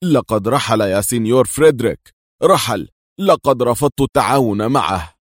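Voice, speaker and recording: A man's voice: mid-range voice, expressive, normal speed, dry recording, clean studio sound, close to an everyday voice. A man voicing a frightened, nervous male lawyer who stammers and pleads frantically. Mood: panicked.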